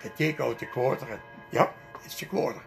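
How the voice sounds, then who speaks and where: An older man with a Dutch accent and a deeply gravelly, creaky voice recounts his memories. He rambles and pauses often between words as an interviewee. His pitch sits in an ordinary middle range. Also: music in the background. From Netherlands. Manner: rambling storyteller with many hesitations. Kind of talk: oral history interview.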